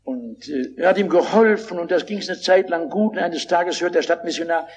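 A man's voice: a little high, darkish tone, lo-fi sound, a little hiss or hum. Fervent older male preacher. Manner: fervent, dramatic storytelling with acted-out quotes. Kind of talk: sermon.

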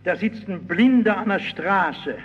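A husky man preaching in a high, slow voice, his sermon sounding dull and old, with long reverb from a big hall. He is middle-aged and tells his stories with vivid life. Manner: animated storytelling, shouting out quoted cries.

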